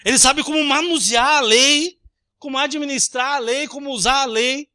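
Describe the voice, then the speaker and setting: Brazilian male pastor, very high, bright voice, lively sermon, dry close sound. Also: moderate pace, dry recording. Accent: Brazilian Portuguese. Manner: animated, acts out little scenes with changing voices.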